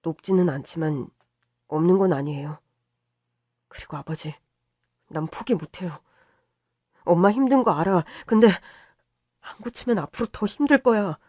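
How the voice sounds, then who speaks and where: A man's voice: sits high, moderate pace, pauses often, a little mellow, dry recording, clean studio sound. A voice actor playing a caring young adult son, a doctor, who talks insistently to his parents. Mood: earnest.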